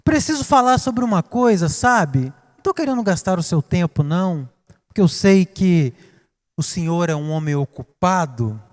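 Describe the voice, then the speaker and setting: A man's voice: high voice, animated, normal speed, voice pushed down. A man voicing a young boy who pleads with his father for a gift, switching between meek and insistent. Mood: meek pleading. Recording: reverberant church hall.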